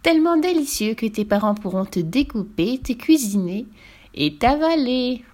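Old storybook witch, shrill, vain, furious, gloating. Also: expressive, darkish tone. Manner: theatrical, shrill insults, drawn-out gloating.

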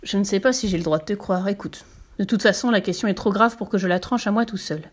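A woman's voice: mid-range voice, fast talker, breathy edge, lightly acted. A woman voicing a startled, bewildered male priest who speaks hastily. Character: flustered middle-aged male priest.

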